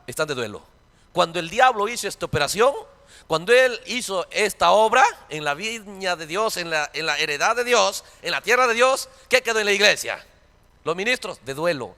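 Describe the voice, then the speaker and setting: A man preaching a fervent sermon, often asking his congregation if they understand and shouting at high points. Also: long reverb tail. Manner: fervent, repeats "¿Entiende?" to the congregation, shouts at peaks. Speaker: pastor.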